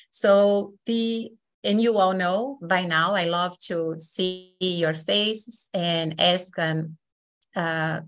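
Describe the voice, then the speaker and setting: A woman from Brazil, whose voice sits on the low side, runs an online session in a Brazilian accent. She facilitates at an easy, amiable pace, filling pauses with lots of fillers.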